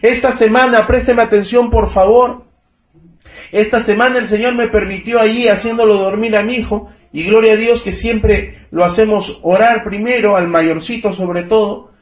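A man in his thirties delivers an emphatic sermon in a fairly high voice. He keeps calling his listeners brother and checking that they follow him. The sound is roomy and echoing, as in a church. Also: steady tone, normal speed. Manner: emphatic preaching. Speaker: preacher. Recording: echoey room.

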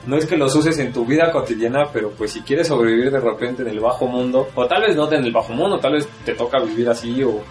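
A man's voice: medium pitch, fast talker, hardly any pauses, soft background music. A young man with a Mexico City accent, chatting casually and at length as a podcast host, laughing often. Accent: Mexico City Spanish. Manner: relaxed, rambling, laughs often. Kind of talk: casual chat.

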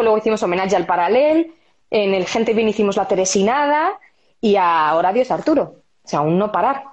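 Woman, 30s, stage actress; warm, animated anecdote-teller who laughs a lot and slips into quoted voices; mid-range pitch. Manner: lively storyteller, laughs often, acts out dialogue. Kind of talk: casual interview chat.

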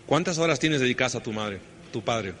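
A man's voice: medium pitch, animated, brisk, fairly bright tone. A middle-aged man with a Mexican accent giving a motivational talk, telling family stories and acting out the dialogue. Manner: storytelling, acts out family dialogue, many restarts. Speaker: motivational speaker. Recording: echoey hall with faint noise.

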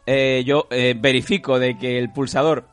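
A man telling an animated story in casual chat, acting out the people he quotes and swearing freely. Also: medium pitch, moderate pace, soft background music. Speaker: guest storyteller.

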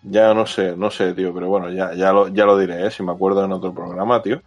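A man hosting a casual chat in an excitable, slangy, repetitive way. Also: low voice, fast talker, lo-fi sound, soft background music. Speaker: podcast host.

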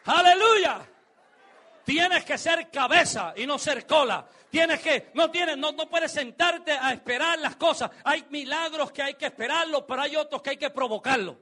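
A man preaching a dramatic sermon, acting out scenes and building to shouts. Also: very high-pitched, moderate pace, few pauses.

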